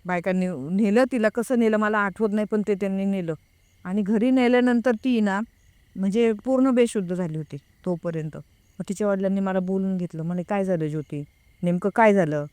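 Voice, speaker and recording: Female guest, casual storyteller, clean smooth tone, dry close sound, hesitant recall. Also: medium pitch, steady tone, warm tone, no room sound. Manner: hesitant, pauses often to recall details; reenacts a friend's frightened words. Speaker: guest recounting a personal experience. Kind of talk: casual first-person storytelling.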